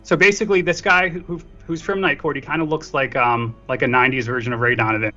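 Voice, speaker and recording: Speaking fast in a steady, sharp, medium-pitched voice, this man is a guest co-reviewer in a relaxed film chat. He jokes and runs himself down, over dull lo-fi audio with faint music.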